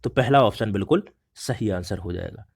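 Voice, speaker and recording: Lowish, gravelly, husky and a little mellow, this Indian man's voice moves a little fast as he teaches an exam prep lesson. Working through each exam question step by step, he repeatedly says "look" while explaining the answers.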